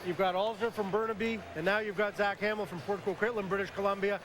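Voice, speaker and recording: A man's voice: high-pitched, fairly even intonation, fast. A man giving hockey analysis on a live draft broadcast, emphatic and detailed with dry humor, heard from a worn VHS tape copy. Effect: hissy worn VHS tape copy. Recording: hissy old videotape broadcast with crowd.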